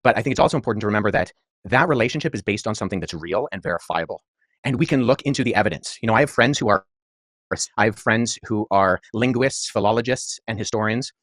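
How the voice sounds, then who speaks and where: A man in his thirties with a lowish voice talks quickly but in a measured, articulate way. He is a historian guest in a podcast debate. The sound is dry and close, with no room behind him. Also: a bit bright, no room sound. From Pakistan-born, raised abroad. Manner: articulate, measured, many asides.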